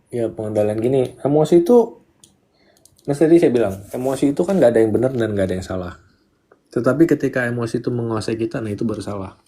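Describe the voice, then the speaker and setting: Husky man giving easy, casual advice. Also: medium pitch, a little fast, long pauses. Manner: relaxed, plain, acts out his inner talk. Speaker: guest speaker. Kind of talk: casual Q&A on a live stream.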